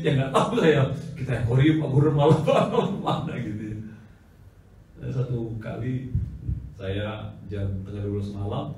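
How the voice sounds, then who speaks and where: A male pastor telling stories during a church seminar, acting out the dialogue with animated delivery and frequent laughter. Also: mid-range voice, distant mic, a little hiss or hum. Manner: animated storyteller who acts out dialogue and laughs. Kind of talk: anecdotal church seminar teaching. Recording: echoey hall recording from afar.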